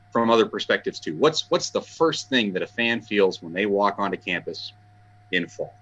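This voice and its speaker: Enthusiastic man, bright voice. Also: fairly low pitch, lo-fi sound. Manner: enthusiastic, repeats words when starting sentences. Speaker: guest, fan site writer. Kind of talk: casual interview talk.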